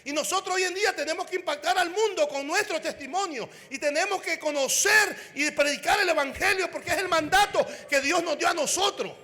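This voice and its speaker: A man preaching a fervent sermon as an evangelist at a conference, often shouting and calling out to the crowd. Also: extremely high pitch, brisk, few pauses, big-room sound. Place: conference hall.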